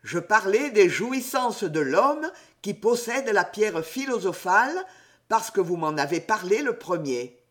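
A man voicing a calm, mysterious gentleman who answers cordially and in a natural voice, in a storybook reading. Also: high voice, unhurried, full character voice. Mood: suave.

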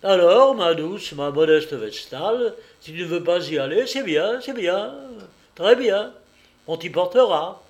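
A man reading aloud and voicing a coarse, brutal tavern keeper who shouts threats gruffly. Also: high voice, lively intonation, measured pace, pitched above the performer's own voice. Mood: mocking menace.

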